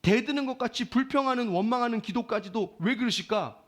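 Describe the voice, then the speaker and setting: A man preaching a Sunday sermon as pastor, swinging from loud pleading to quiet, confiding talk. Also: very high-pitched, brisk.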